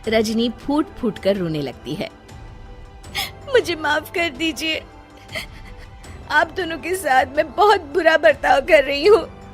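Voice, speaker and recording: A woman's voice: very animated, measured pace, soft background music. A woman voicing an upset young bride in a cartoon story, speaking through tears. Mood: crying. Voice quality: high, tearful. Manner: sharp and defiant, then sobbing. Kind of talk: cartoon voice acting.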